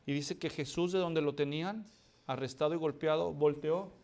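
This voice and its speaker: A man's voice: on the high side, normal speed, darkish tone. A male pastor delivering a dramatic sermon, acting out scripture and firing rhetorical questions at the congregation.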